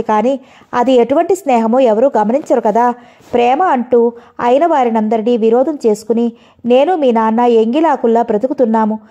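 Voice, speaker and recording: A woman's voice: on the high side, dark tone, lo-fi sound, close to an everyday voice. A woman voicing a worried middle-aged mother who warns her daughter in a spoken story. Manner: pleading, warning.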